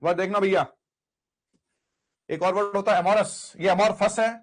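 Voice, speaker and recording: A man's voice: high-pitched, fairly even intonation, measured pace. A man teaching an exam vocabulary lesson, drilling word lists by repetition and asking and answering his own questions. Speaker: English teacher.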